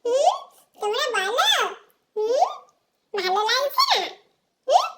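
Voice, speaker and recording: A woman's voice: extremely high pitch, huge pitch swings, slow pace, very noisy, voice pushed up, exaggerated voice. A woman voicing a small cheeky boy in a playful home role-play, babyish, giggly and clingy with his mother. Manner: babyish, giggly, calling out and teasing.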